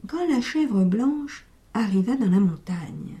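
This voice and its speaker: A woman telling a story aloud in a gentle, measured, expressive reading. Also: medium pitch.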